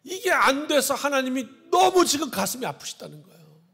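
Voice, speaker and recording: A man's voice: extremely high pitch, very animated, a little fast, creaky, a bit bright. A man preaching a sermon as a pastor, reading scripture aloud and then explaining and exhorting the congregation. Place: church sanctuary. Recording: long hall reverb.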